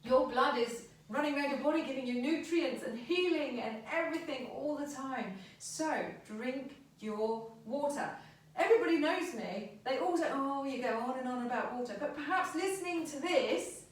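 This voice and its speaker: A woman's voice: sits high, moderate pace. A woman, a back pain therapist giving a chatty, emphatic health talk and repeating her advice. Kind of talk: informal health talk to camera. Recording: very echoey room, voice from a distance.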